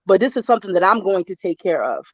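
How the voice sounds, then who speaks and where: Speaking fast in a mid-range, slightly rough voice with big pitch swings, a middle-aged Florida writer rambles through a casual online interview. She's chatty, restarts constantly, uses many fillers and laughs often. The video-call audio is lo-fi, with no echo.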